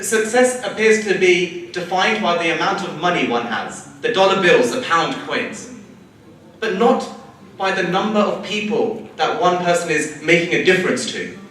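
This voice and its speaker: A young man from the United Kingdom giving a prepared, rhetorical conference speech with measured repetitions. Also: high voice, pushed and bright, a little hiss or hum. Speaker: conference panelist, local election candidate. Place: large conference hall. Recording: distant, echoey hall.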